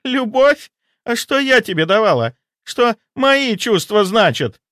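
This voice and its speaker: A man voicing a jealous, desperate female doctor in an audiobook, pleading and shrill. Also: expressive, normal speed, fairly bright tone, no room sound, clean studio sound. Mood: hysterical. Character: jealous, hysterical female doctor, young adult.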